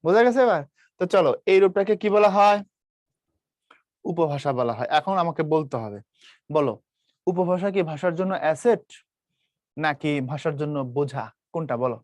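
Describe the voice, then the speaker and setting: Guy from bangladesh teaching a live class online, bit high voice, dry close sound. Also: normal speed, long pauses, no echo. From Brahmanbaria, Bangladesh. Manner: lively, quizzes students, mimics regional dialects.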